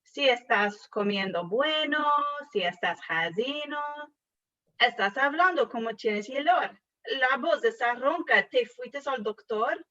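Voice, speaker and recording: Woman reading as a fretful scolding mother, bright high voice, slow, far from the mic, dull lo-fi sound. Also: lively intonation. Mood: nagging. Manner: scolding, nagging, full of complaints. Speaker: student reading a scripted dialogue. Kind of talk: read-aloud scripted dialogue.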